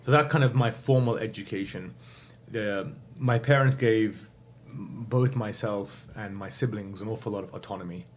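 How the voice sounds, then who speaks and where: A man's voice: fairly low pitch, moderate pace, few pauses. Thoughtful man in his fifties. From England. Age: 50s. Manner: thoughtful, many fillers, self-correcting. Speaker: guest. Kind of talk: reflective interview answers.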